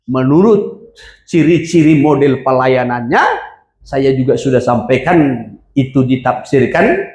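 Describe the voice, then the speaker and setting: A male pastor preaching a sermon, explaining scripture with call-and-response and rising to emphatic shouts. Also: medium pitch, roomy sound. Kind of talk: sermon with congregation reading verses.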